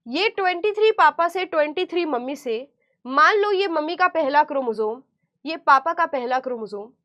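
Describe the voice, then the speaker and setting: Very high-voiced woman teacher, slow and coaxing. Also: animated, a bit bright. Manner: repeats questions and answers them herself, coaxing; speaks slowly and deliberately. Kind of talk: online class lecture.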